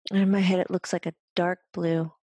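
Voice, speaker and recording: A woman's voice: lowish voice, level tone, moderate pace, mellow, husky, no echo. A woman working as a medium, chatting casually on a podcast and passing on messages in a playful way. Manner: relays messages from the spirit world, chatty and playful.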